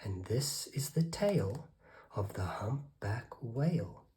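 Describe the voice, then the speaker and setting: A woman reading a rhyming children's story aloud, expressively and deliberately, with hushed, breathy phrase endings. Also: a bass voice, animated.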